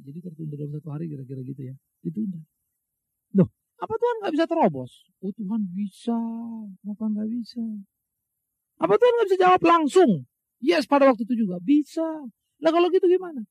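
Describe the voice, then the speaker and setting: A man's voice: very high-pitched, creaky, husky, dry recording. A middle-aged male pastor preaching a sermon, emphatic, asking rhetorical questions and answering them himself, talking straight to his listeners in a colloquial way. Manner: addresses listeners as brothers and sisters, colloquial asides. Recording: muffled, slightly lo-fi, dry.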